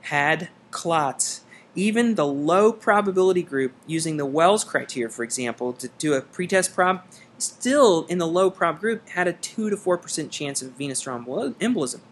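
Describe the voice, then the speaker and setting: A man from the United States co-hosting a medical podcast, his voice sitting a little high for a man. He talks in a wry, folksy, conversational way, and a faint noise sits under the recording. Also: lively intonation, normal speed. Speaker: emergency physician podcast co-host. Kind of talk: casual medical discussion.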